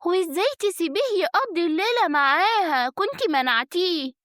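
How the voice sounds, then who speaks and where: A woman's voice: extremely high pitch, lively intonation, brisk, fairly bright tone, no echo, studio quality, pitched above the performer's own voice. A woman voicing a calculating best friend with an Egyptian accent, drawling her scheming advice. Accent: Egyptian Arabic.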